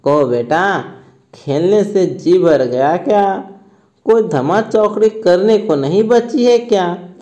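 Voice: medium pitch, lively intonation, slow, mellow. A reader voicing a jovial village healer who teases the sick boy, in a school play read aloud. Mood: teasing. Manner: teasing and jovial.

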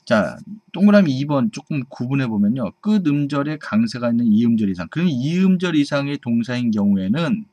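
Male teacher, mid-pitched, steady lecture voice, dry sound, patient and repetitive. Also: a little fast, hardly any pauses, no echo, dull audio. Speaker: English grammar teacher. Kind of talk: explanatory classroom lecture. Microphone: camera mic at a desk.

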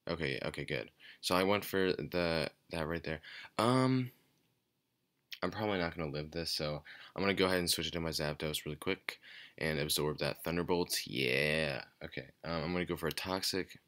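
A man giving casual, off-the-cuff game commentary in a quiet, low-energy, hesitant and rambling way. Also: moderate pace. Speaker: gaming channel host. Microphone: speaking away from the mic at times.

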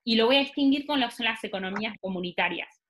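Speaking a little high and with animation, a workshop facilitator in her thirties talks at a quick pace in a fairly bright tone, her Argentine Spanish accent clear. She leads the session over a video call via laptop mic, with a little hiss or hum, thinking aloud through many fillers and restarts.

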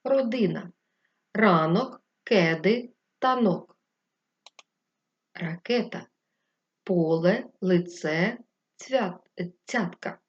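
A woman teacher giving a recorded reading lesson to first graders, speaking clearly and kindly to young children. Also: lowish voice, lo-fi sound. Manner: slow, clear, lively intonation addressing young children. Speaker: primary school teacher. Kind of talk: recorded distance-learning lesson.

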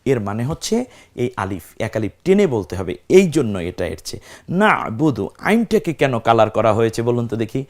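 A man's voice: medium pitch, big pitch swings, fast, a little mellow. A man teaching Quran recitation, explaining step by step and drawing out the Arabic syllables he demonstrates. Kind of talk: recitation lesson.

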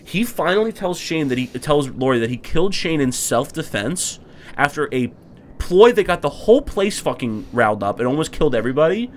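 A young man in casual podcast chat, rambling excitably with lots of fillers and swearing. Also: fairly high pitch, fairly quick, slight background noise. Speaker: podcast co-host.

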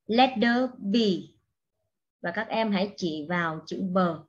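A woman teaching an English lesson to young children, speaking slowly and patiently and repeating each word for the class to echo. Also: on the low side, muffled recording. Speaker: primary school English teacher.

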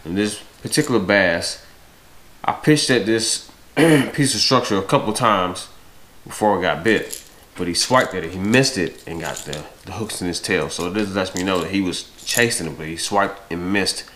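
There's a little hiss or hum as an American fishing vlogger in his thirties talks casually to camera in his home dining room, which has large windows. His low-pitched, fairly bright voice, at normal speed, is nasal and stuffed up from a cold, and he frequently clears his throat.

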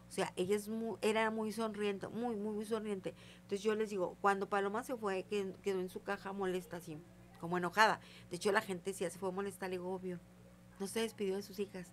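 A woman's voice: medium pitch, steady tone, brisk, slight background noise. An older woman, a guest psychic telling stories in a casual interview and acting out the voices in them. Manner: tells stories vividly, acting out quoted dialogue.

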